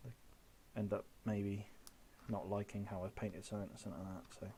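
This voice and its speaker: Guest, man with a low voice, halting chat full of ums, light background hiss. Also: little pitch movement, mellow. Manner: hesitant, filler-heavy. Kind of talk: casual chat.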